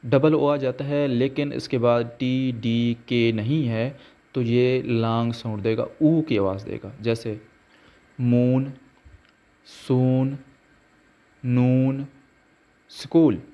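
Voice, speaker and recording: A man teaching pronunciation rules, slowly spelling out letters and example words. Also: mid-range voice, creaky. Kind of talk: slow explanatory lesson. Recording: dull lo-fi recording.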